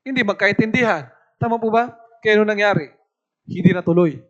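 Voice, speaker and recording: A man from the Philippines preaching at a youth camp as an evangelist, lively and often asking his listeners for agreement. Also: sits high, fairly quick, highs cut off. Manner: lively, asks the audience "tama po ba" often.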